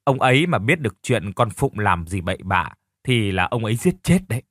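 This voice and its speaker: A man voicing a sharp-tongued, worried middle-aged woman who scolds loudly. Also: lowish voice, sing-song, a little fast, no echo, studio quality. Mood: alarmed. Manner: scolding, alarmed.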